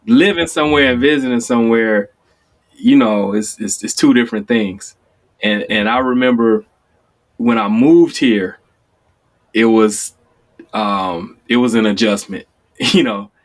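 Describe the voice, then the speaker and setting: A man in his forties from Chicago, telling stories in casual conversation, acting out quoted lines with sudden jumps in pitch. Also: a little slow, pauses often. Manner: animated storyteller, acts out quotes with sudden high pitch jumps. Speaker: guest.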